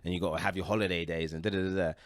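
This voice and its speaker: A man's voice: deep voice, fairly even intonation, very fast, dry recording, studio quality. A man in his thirties with a London accent, chatting casually and using plenty of slang. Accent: London British. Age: 30s. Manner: slangy, conversational. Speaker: podcast host. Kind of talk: casual chat.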